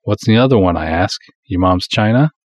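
Speaking briskly with lively intonation and a fairly low pitch, this man voices a small-town cop, proud and folksy, who tells his own pulp detective tale. The first-person narration is dramatic yet breezy, colloquial and wisecracking in hard-boiled style, confident and casual.

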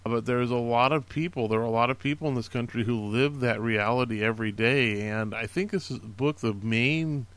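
A man at a middle pitch talks casually through his book picks. He is earnest and encouraging, and he restarts his sentences often with plenty of fillers. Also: moderate pace, few pauses, fairly bright tone, no room sound. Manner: conversational, many fillers and restarts. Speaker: podcast host recommending books. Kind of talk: casual spoken book recommendations.

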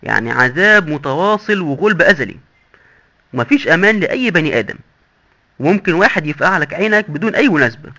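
A man's voice: fairly high pitch, sing-song, fast, pushed and bright, exaggerated voice. A man with an Egyptian accent voicing a boastful, sly male doctor in hell who lectures glibly and mockingly. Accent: Egyptian Arabic. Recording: dull lo-fi recording.

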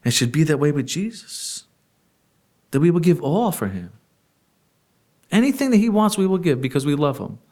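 A man preaching a sermon in a conversational way, asking the congregation rhetorical questions and laughing softly now and then. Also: fairly high pitch, very animated, moderate pace, pauses often.

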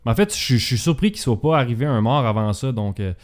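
A man's voice: medium pitch, big pitch swings, fairly quick. Hesitant Québécois man hosting a show. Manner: hesitant, many filler sounds, rambling. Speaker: podcast host. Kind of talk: casual chat.

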